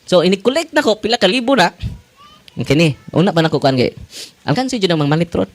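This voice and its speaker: Priest, 40s, animated sermon with laughs, highish and very lively. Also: male voice, fast. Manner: animated, laughing, switching languages. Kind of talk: sermon to parishioners.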